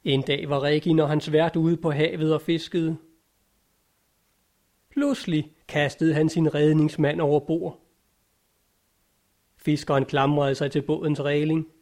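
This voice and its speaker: Grave male storyteller, slightly high voice. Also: little pitch movement, pauses often, a little mellow. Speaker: narrator. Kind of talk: scripted story narration.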